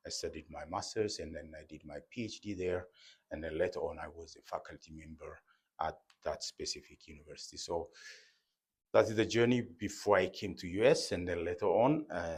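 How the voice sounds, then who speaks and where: An Ethiopian professor in middle age explains embryo research during an interview, speaking carefully and haltingly with many fillers and repeated words. His voice is low, with a breathy edge.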